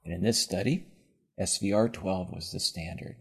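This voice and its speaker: Deep-voiced, gravelly male medical presenter. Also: normal speed. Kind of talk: scripted slide lecture narration.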